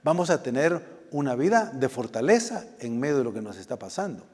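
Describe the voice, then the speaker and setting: A man's voice: mid-range voice, big pitch swings, a little fast. A man preaching a sermon as pastor, speaking spontaneously with restarts and sudden bursts of emphasis. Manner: spontaneous, with repeated restarts and emphatic swings in loudness. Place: church sanctuary. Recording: church hall with long reverb.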